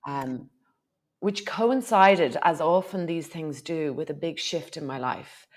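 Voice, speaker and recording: A woman's voice: low voice, slow pace. An Irish woman, a podcast guest who runs retreats, reflecting on her life story in a casual conversational interview. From Ireland. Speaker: podcast guest, retreat host and yoga teacher.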